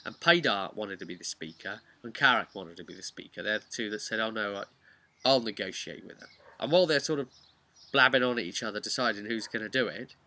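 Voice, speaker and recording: In a lowish, bright voice with a forceful tone, a man recaps his tabletop RPG session as game master. The talk is casual and halting, and he leans on key words for emphasis.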